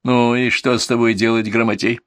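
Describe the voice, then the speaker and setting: A man voicing a gruff, tired male ambulance doctor with a stern, mocking manner, in a storybook reading. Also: medium pitch, flat delivery, a little fast, a bit bright, no echo, lightly acted.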